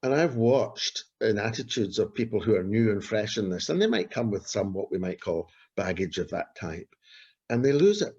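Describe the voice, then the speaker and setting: Gravelly man, earnest storytelling. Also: fairly low pitch, big pitch swings, normal speed, a little mellow. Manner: earnest, repeats key phrases. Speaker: street pastor. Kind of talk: storytelling in an interview. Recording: dull lo-fi recording.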